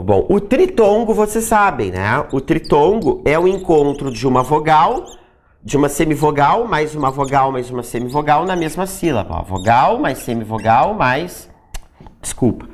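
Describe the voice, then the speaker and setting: A grammar teacher giving a recorded exam-prep lesson, checking in with "tá?" and "né?" after almost every point and drawing out example words slowly to demonstrate their sounds. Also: mid-range voice. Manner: ends nearly every point with "tá?" or "né?"; repeats key points for emphasis.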